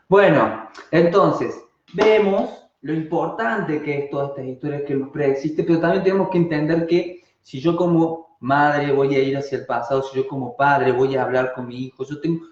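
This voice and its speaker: A man with an Argentine Spanish accent teaching an online class, animated and constantly asking rhetorical questions and then answering them. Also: medium pitch. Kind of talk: live online class talk. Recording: dull, roomy sound.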